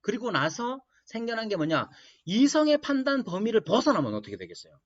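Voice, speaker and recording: A man's voice: high-pitched, big pitch swings, a little fast. A male pastor teaching a doctrine class, asking rhetorical questions and answering them, on a dull lo-fi recording. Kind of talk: church lecture.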